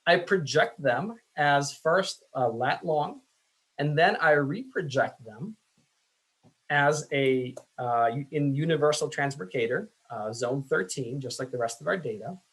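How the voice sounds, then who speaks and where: A man teaching statistics in a casual, self-deprecating way, with many fillers, his voice going hoarse. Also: a little high, a little slow, a bit bright, rough recording. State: losing his voice. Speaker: statistics instructor. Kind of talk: screen-share lecture.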